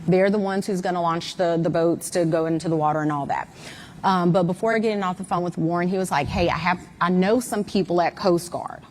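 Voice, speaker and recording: A woman with a somewhat low voice, speaking as an interview guest. She recounts events candidly and emphatically, with frequent fillers and restarts, over a faint background hiss. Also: a little mellow. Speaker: interview guest, mother of a missing son.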